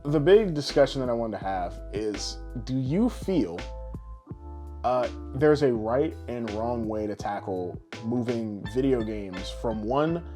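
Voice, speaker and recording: Faint music sits behind this male podcast co-host, whose mid-range, mellow voice is expressive and slow-paced. His patter is boisterous and joking, rambling on with a showman's tongue-in-cheek flair.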